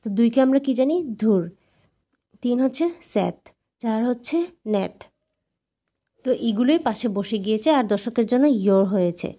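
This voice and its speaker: A woman teaching Korean numbers to learners, explaining patiently and repeating each word slowly several times. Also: fairly high pitch, dark tone. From Bangladesh. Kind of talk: explaining and drilling pronunciation.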